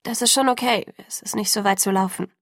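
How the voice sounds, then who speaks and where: A woman's voice: medium pitch, fairly even intonation, brisk, no room sound, clean studio sound, close to an everyday voice. A woman reading the lines of a shy but stubborn teenage girl, hesitant and defiant, in an audiobook.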